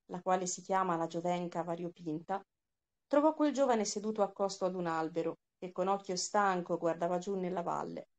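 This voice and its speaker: A woman leading a reading group, reading a philosophy text aloud and inviting the group to discuss in a calm, relaxed way. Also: on the low side.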